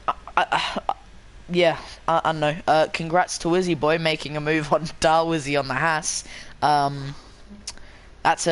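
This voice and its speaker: A man's voice: on the high side, fairly bright tone. A man doing live commentary on a sim race late at night, rambling and self-mocking, with many fillers and restarts.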